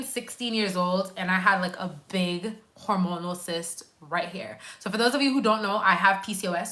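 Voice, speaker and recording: A nurse in her twenties hosts a casual live stream from her couch at home, chatting animatedly, addressing viewers directly and reading their comments aloud. Her voice is mid-range with a sharp tone.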